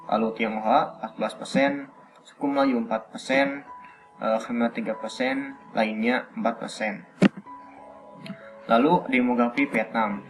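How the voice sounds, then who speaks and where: A young man, a university student, reading figures for a class presentation, hesitant and pausing often with fillers. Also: medium pitch. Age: young adult.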